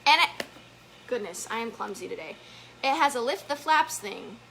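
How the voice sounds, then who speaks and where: Woman, children's educator, playful, chatty, high-pitched voice. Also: lively intonation, moderate pace, vocal fry, pushed and bright, slight background noise, poor audio. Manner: upbeat, playful, chatty, laughs often. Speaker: story time family educator. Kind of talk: children's movement and story time.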